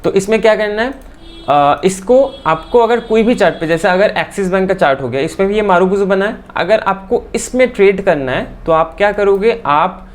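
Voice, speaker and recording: Fast-talking man teaching a chart lesson. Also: sits high, expressive. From India. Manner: fast, repeats phrases, says "theek hai" often. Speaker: stock market trading teacher.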